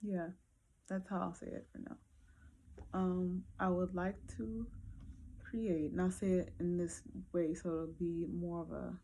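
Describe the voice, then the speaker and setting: Low gravelly woman, hesitant and unhurried. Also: flat delivery, warm tone, slight background noise. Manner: hesitant, thinking aloud with many fillers. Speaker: vlogger. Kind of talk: casual late-night personal vlog.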